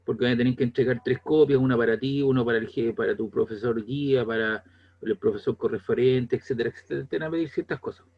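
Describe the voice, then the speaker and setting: A man with a Chilean Spanish accent teaches a class in a conversational style, frequently checking that his students are following. He talks fast at a medium pitch, and the audio is dull.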